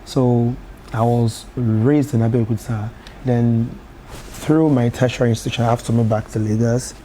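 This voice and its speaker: A Nigerian man with a Nigerian English accent, a gospel artist telling lively stories as a talk-show guest, often laughing and repeating words. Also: mid-range voice, moderate pace, a little hiss or hum, poor audio. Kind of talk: casual talk show conversation. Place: television studio.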